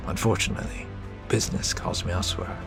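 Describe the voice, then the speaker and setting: A man voicing a stern, secretive male ranger in a tabletop role-playing game, speaking low and hushed with grave warnings. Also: quick pace, over music, natural voice.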